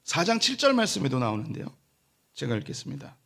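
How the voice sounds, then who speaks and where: A man's voice: on the high side, huge pitch swings, quick pace, a bit bright. A middle-aged man, a pastor, preaching a sermon in a church sanctuary. He acts out boastful church members in quoted voices and rises to emphatic, raised-voice preaching.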